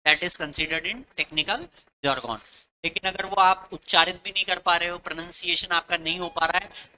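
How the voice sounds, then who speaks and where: A male commerce teacher from Rajasthan lectures a classroom of students. His voice is very bright and sharp, and he switches between Hindi and English. He keeps quizzing the class with the same question again and again. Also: high-pitched, a little hiss or hum, poor audio. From Rajasthan, India.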